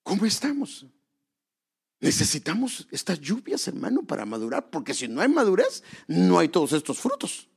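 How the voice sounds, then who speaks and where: Creaky-voiced man preaching a sermon. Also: sits high, wildly swooping pitch, normal speed. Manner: asks the congregation rhetorical questions; earnest, exhorting.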